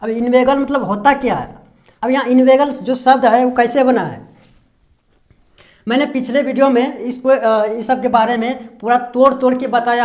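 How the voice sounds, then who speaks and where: A man teaching English pronunciation, explaining a lesson slowly with frequent hesitations and repetition. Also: extremely high pitch, darkish tone. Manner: hesitant, many drawn-out filler sounds, repeats himself.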